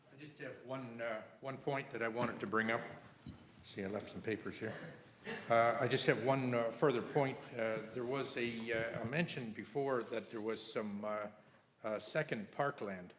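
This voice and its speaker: A man speaking as a resident at a council meeting, halting with many fillers and turning blunt. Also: mid-range voice, steady tone, a bit bright, a little hiss or hum. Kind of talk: public comment at council meeting. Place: council chamber.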